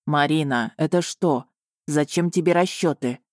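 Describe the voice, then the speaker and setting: A brooding male dragon lord from an audiobook, low-pitched and clipped, as a woman reader puts him on. His few words come out guarded and heavy. The voice is recorded dry and close, with no room sound. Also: a little slow, darkish tone, dry recording. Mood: bewildered. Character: stern male dragon ruler, brooding and possessive. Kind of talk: audiobook character voice.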